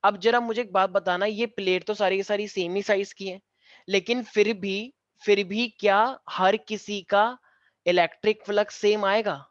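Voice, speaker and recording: A man's voice: sits high, steady tone, normal speed, a bit bright, no echo. A man teaching physics to a class, teasing and speaking straight to the students, with English phrases mixed into his lecture. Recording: dull lo-fi classroom recording.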